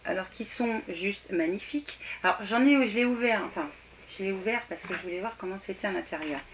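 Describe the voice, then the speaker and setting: A woman's voice: medium pitch, brisk, a little hiss or hum. A woman chatting casually to camera about her decor haul, full of hesitations and self-corrections. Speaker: home decor haul vlogger.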